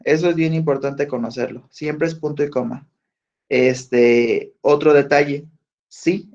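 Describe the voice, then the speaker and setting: The voice here is a man's, a little high, creaky, and a little mellow, teaching an online class. He speaks slowly and deliberately while quizzing his students. Audio quality is dull and lo-fi.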